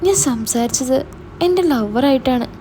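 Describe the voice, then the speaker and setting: A woman's voice: sits high, lively intonation, moderate pace, mellow, a little hiss or hum. A woman voicing a scared teenage younger sister who pleads and hesitates. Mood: pleading.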